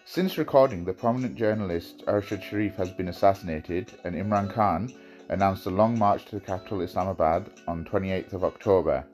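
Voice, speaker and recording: A man with a croaky, hoarse, worn-out voice introduces a podcast episode as its host. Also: low-pitched, a little fast, darkish tone, soft background music. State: hoarse, voice nearly gone.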